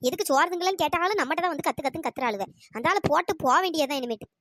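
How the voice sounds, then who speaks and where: A woman voicing a sharp-tongued old mother-in-law in a cartoon, scolding and sarcastic. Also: high-pitched, lively intonation, rapid-fire. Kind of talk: cartoon dialogue with pitch-raised voice.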